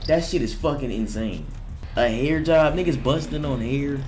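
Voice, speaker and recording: A man's voice: mid-range voice, normal speed, darkish tone, soft background music. A young man chatting casually on a livestream in a crude, jokey, slangy frat-bro manner, emphatic and repeating himself. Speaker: streamer reacting to viewer confessions.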